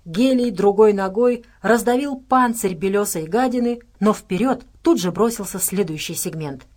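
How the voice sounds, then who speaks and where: In a mid-range voice, a woman reads an audiobook aloud. Her scripted narration stays calm, even, and measured.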